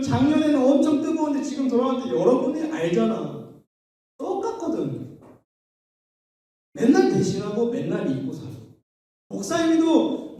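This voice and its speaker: A man's voice: very high voice, warm tone. A male pastor at a youth retreat, telling stories in a playful way, acting out scenes and leading call-and-response with young listeners. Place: church hall at a youth retreat. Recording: echoey hall, mic at a distance.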